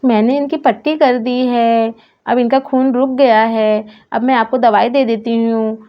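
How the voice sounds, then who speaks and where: A woman voicing a brisk, impatient woman doctor who scolds her patient's family, in a doll story. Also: a little high, steady tone. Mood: reassuring. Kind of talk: doll story role-play. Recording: dull lo-fi sound.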